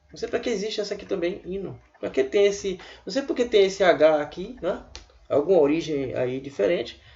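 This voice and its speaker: A man giving a casual online language lesson, chatty and repeating words slowly for his students. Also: high voice, creaky, darkish tone, highs cut off. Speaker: language teacher.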